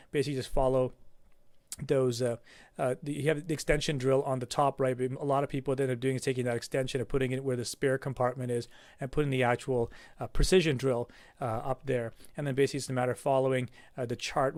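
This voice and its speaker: A man's voice: mid-range voice, dry recording. A man, a dentist, talking casually through a slide review of an implant kit, with lots of fillers and restarts.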